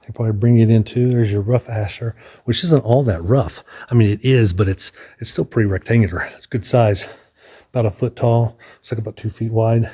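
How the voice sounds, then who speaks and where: A man's voice: fairly low pitch, fairly even intonation, brisk, warm tone, breathy edge. A man casually narrating a walking tour of a building, chatty and thinking aloud with restarts, a bit out of breath. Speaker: vlogger touring a building. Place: indoor hallways and large rooms.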